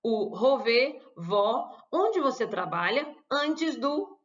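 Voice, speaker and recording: A Brazilian woman explains grammar over her slides in a fairly high voice. She takes her time, spelling each point out and saying it again, with a joking remark here and there. The sound is dull and lo-fi. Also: very animated. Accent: Brazilian Portuguese. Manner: slow, deliberate, repeats key phrases, playful asides. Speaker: language teacher. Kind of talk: slide-based grammar lesson. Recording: dull lo-fi recording.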